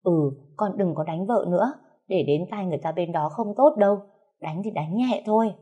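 A woman's voice: medium pitch, normal speed, warm tone, breathy edge, natural voice. A woman voicing a weary older mother-in-law, grumbling tiredly.

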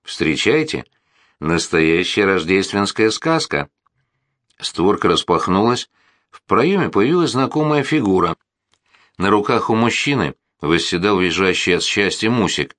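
A man narrating an audiobook with expressive storytelling. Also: fairly low pitch, normal speed, no room sound, clean studio sound. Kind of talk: audiobook reading.

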